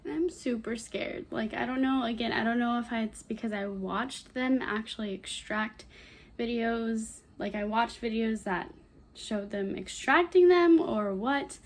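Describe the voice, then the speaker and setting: A woman's voice: on the high side, a little slow. A young adult woman chatting casually as a stay-at-home mom vlogger, in an informal, self-interrupting way. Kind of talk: casual vlog chat and narration.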